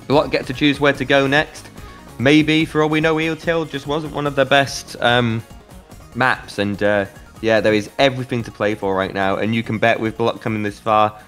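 Male esports caster, mid pitch, excitable play-by-play, faint music underneath. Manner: excitable, rises sharply at big plays.

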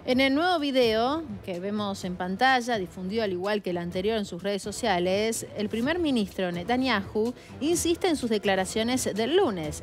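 A woman co-anchoring a television news segment in a brisk, conversational newsreading style. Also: medium pitch.

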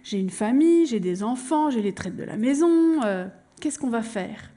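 A hesitant, anxious factory worker , as a woman storyteller puts the part on, speaking a little lower and softer, fretting over pay and family bills in a stage monologue. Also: animated, normal speed, lightly acted. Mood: worried. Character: worried factory worker fretting about wages.

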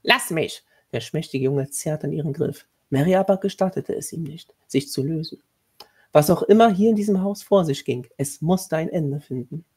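A man reading his own horror short story aloud in a measured way, with a husky voice and occasional restarts. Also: on the high side, mellow.

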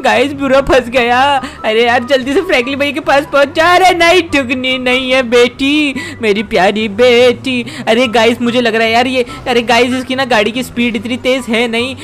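A woman's voice: high voice, normal speed, hardly any pauses, soft background music, close to an everyday voice. A woman doing a cheeky panicky little boy. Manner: whiny, excitable exclamations, talks to viewers. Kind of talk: gameplay commentary in character.

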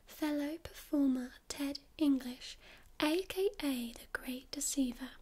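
A woman voicing a friendly, patient librarian in a whispered role-play, speaking in a soft, soothing library whisper. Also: high voice, steady tone, measured pace. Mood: hushed, intriguing. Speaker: ASMR performer playing a librarian.

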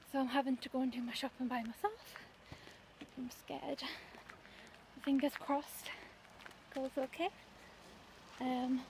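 A woman's voice: high voice, a little mellow. A young woman, chatting casually and a little out of breath while vlogging on a windy street, full of fillers and asides. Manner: chatty, rambling with many fillers. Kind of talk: casual walking vlog. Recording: faint background noise, wind.

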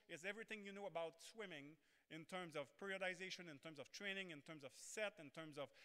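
A man's voice: high-pitched, sharp tone, clear, resonant tone. A middle-aged man lecturing at a conference podium with a French-Canadian accent, earnest and sometimes repeating words as he looks for the phrasing. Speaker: sports science professor. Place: large conference hall stage at a podium. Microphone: podium microphone. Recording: reverberant conference hall.

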